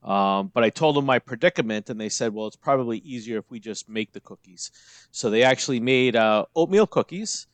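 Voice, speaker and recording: Halting man in casual chat, dry sound. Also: medium pitch, lively intonation, no room sound. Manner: halting, full of fillers and restarts. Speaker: co-host.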